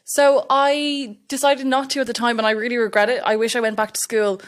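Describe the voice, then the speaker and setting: A woman's voice: fairly high pitch, little pitch movement, brisk. A young woman from Estonia, an electrical apprentice, chatting as a guest in an interview and acting out quoted remarks as she tells a story. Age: young adult. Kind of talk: casual interview chat.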